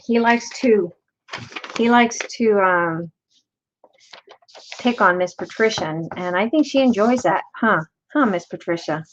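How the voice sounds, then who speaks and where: This middle-aged crafter hosts a live tutorial, her mid-range voice a little slow and pausing often as she chats casually and mixes in Spanish phrases. The desk mic over her overhead craft camera yields slightly dull sound with a faint hiss.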